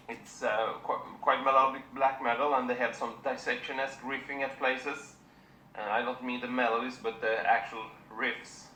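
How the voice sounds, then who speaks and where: Bright-voiced man reviewing records. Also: medium pitch, echoey room, a little hiss or hum, rough recording. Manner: plain, unhurried, with many fillers and restarts. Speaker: music reviewer.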